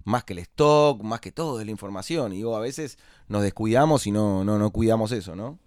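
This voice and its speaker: A man's voice: on the low side, a little fast, darkish tone, no room sound, clean studio sound. An Argentine man hosting an interview podcast, speaking hesitantly with many restarts and fillers. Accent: Argentine Spanish. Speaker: podcast host. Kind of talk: casual interview conversation.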